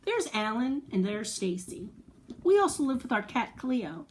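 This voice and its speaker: There's slight background noise as a woman with a voice on the high side hosts a children's storytime. Unhurried and with big pitch swings, she reads the story aloud and talks with the young listeners, encouraging them with questions and simple explanations.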